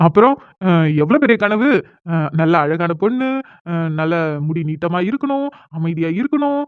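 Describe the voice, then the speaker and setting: A woman's voice: mid-range voice, no echo, natural voice. Whiny young cartoon guy, a woman doing him, thin phone-like sound, dry room. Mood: pleading. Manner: complaining, self-pitying, pleading. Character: young man, newly and unwillingly married, whiny. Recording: dry, tinny phone-like audio.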